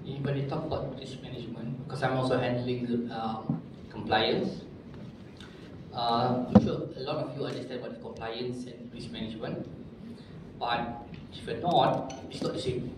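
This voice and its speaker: Malaysian man, halting, in a noisy echoing hall. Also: medium pitch, fairly even intonation. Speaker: panelist, chief risk and compliance officer. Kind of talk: casual panel talk. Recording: very echoey hall, distant mic, loud noise.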